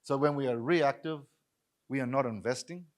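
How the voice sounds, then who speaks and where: A man's voice: mid-range voice, normal speed. A man giving a public lecture as a guest speaker, talking earnestly and repeating key phrases for emphasis. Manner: acts out bystanders' voices in quotes.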